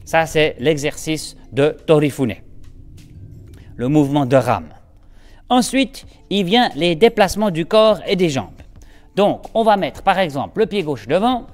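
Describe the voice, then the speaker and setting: A man teaching an aikido class, guiding breathing with calm, steady cues and giving brisk instructions. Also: a little high, in a large hall. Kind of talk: instructional demonstration.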